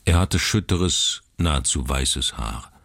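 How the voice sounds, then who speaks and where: Deep husky male narrator. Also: animated, a bit bright, no echo, clean studio sound. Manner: measured, dramatic storytelling. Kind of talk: literary reading.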